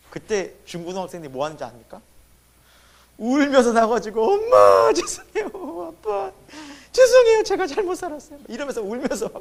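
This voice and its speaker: Male pastor, sermon, high voice, very lively intonation, loud bursts and quiet drops, church sanctuary. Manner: animated preaching with sudden drops to a hush; asks the congregation questions and answers them himself.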